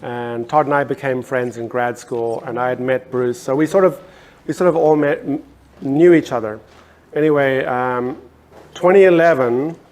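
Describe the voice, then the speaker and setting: This middle-aged South African panelist, an artist with a South African accent, has a medium-pitched, slightly mellow voice. His casual art panel talk is hesitant, filled with ums and restarts.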